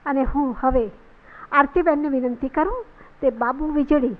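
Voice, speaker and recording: A woman's voice: high-pitched, normal speed. A woman host introducing the next speaker in a polite, formal manner. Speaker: event host. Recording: thin phone-like sound.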